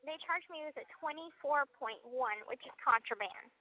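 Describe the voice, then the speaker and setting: A woman's voice: sits high, moderate pace. A woman inmate calling out on a prison phone line, chatting casually and telling stories with frequent ums. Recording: tinny phone-line audio.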